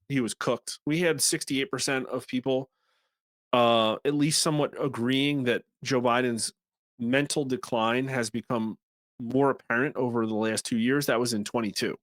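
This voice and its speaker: A man's voice: mid-range voice, normal speed, dry recording. Guy hosting a polling show, chatty political commentary, wry little asides, dead dry sound.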